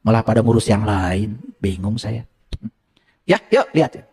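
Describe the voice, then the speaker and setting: A man preaching a sermon to an audience, teasing his listeners with joking asides and leaping up in pitch when he quotes scripture. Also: unhurried, husky. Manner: animated, jumping high in pitch for quotes. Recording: hall reverb.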